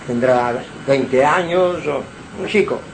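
A man giving an informal spiritual talk to visitors in his home, speaking slowly and deliberately and posing rhetorical questions. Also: mid-range voice, a little hiss or hum, rough recording. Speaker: spiritual teacher hosting gatherings. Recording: live home gathering.

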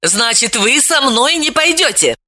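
A loud, cheeky young woman who exclaims nearly everything and swings wildly up and down in pitch, as a woman narrator puts her on. Her voice sits high and bright, recorded close and dry. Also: sing-song, moderate pace, dry recording, exaggerated voice. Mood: defiant, brash. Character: brash young woman, defiant and provocative. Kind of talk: audiobook character voice.

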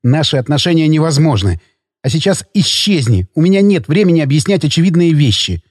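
Proud angry young woman, read by a male narrator, cold sharp delivery, dry close sound. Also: a little high, big pitch swings, brisk, slightly rough, no room sound. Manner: hissing, sharp, pleading. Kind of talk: audiobook character reading.

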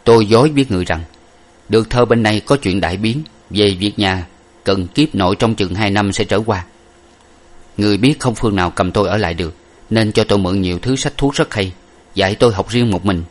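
Guy doing a grave young masked gentleman, lowish voice, calm and measured. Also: close to an everyday voice. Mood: solemn. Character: earnest young masked gentleman hero, solemn.

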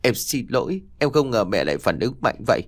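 A man voicing a gentle young wife in an audio story, speaking softly and hesitantly. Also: mid-range voice, big pitch swings, brisk, dry recording, studio quality. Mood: pleading. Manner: soft and hesitant.

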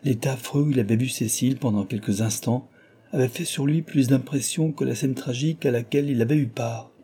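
A man narrating a classic novel aloud in a measured, literary manner. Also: medium pitch, mellow, husky. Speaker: audiobook narrator.

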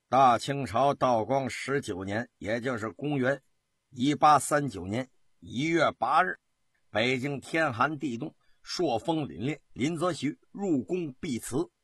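A man's voice: mid-range voice, fairly bright tone, breathy edge, no echo, studio quality. A man telling a historical tale in traditional Chinese storytelling style, with dramatic, rhythmic delivery.

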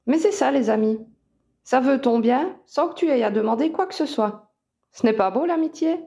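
Brief: cheerful, insistent young male wizard, warm and mellow, voiced by a woman narrator. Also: high voice, expressive, moderate pace. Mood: teasing.

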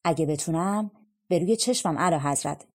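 Storybook young pruner, read by a woman: humble, content, courteous, lowish voice. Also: a little mellow, close to an everyday voice. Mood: cheerful. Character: cheerful young male vine pruner.

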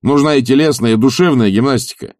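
Man playing a brisk, commanding friend. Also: medium pitch, darkish tone, dry recording, clean studio sound, natural voice. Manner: brisk, decisive.

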